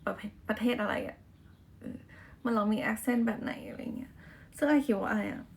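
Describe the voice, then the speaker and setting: A woman's voice: fairly high pitch, moderate pace, vocal fry, a little mellow. A woman with a Thai accent, a native Thai speaker, hosting a casual livestream chat into a phone mic and switching between chatty Thai and careful English. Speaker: livestream host.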